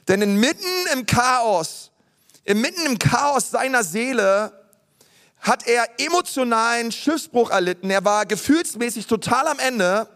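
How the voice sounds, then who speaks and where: High-voiced man preaching in a hall. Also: animated, measured pace, a bit bright, clean tone. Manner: passionate, rises in pitch when voicing heartfelt prayers; colloquial youth-pastor wording. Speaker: pastor. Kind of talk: sermon. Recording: long hall reverb.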